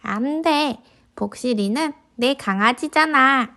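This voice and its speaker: Lady doing a bossy big sister girl, possessive, highish, slow toddler storybook read. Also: pushed and bright, heavily acted. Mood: curt, possessive. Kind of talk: picture book read aloud to young children.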